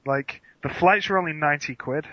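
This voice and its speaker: An English-accented man chatting casually as a podcast guest, relaxed and quick to laugh. The sound is dry with no room, and muffled like lo-fi audio. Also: a little high, no echo. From England. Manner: easygoing, laughs easily. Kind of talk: casual chat.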